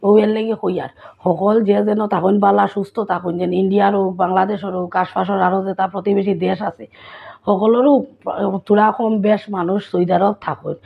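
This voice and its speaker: Sylheti-accented woman vlogger, raspy, phone-line quality. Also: medium pitch. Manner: chatty, asks listeners if they follow. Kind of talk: casual vlog chat. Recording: tinny phone-like sound.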